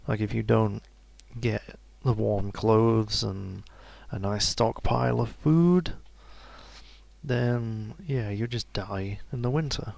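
Slow gravelly man musing over a game. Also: fairly low pitch, dry recording. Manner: relaxed, musing to himself, laughs softly. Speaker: let's play gamer. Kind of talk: casual gameplay commentary.

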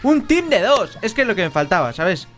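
Chatty high-voiced Spanish gamer man. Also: big pitch swings, a little fast, faint music behind. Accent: Spain Spanish. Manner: chatty, joking, bursts into shouts. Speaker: Minecraft gameplay YouTuber. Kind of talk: casual gaming commentary. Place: at home. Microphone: headset.

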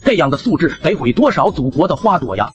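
A man's voice: fairly high pitch, very animated, fast talker, lo-fi sound. A young man narrating his own comic cartoon story in a chatty, wry way.

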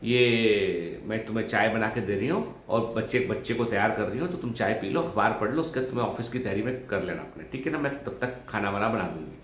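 A man voicing a busy housewife who talks briskly and scolds a little in a storytelling vlog. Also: fairly low pitch, lively intonation, natural voice. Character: busy housewife calling from inside. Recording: roomy echo.

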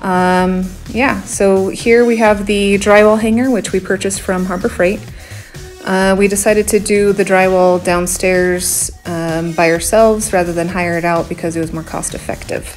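A woman in her thirties narrating her home renovation vlog casually, chatty and blunt, often pausing with "um". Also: medium pitch, steady tone, faint music behind. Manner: chatty, blunt, with frequent "um" fillers.

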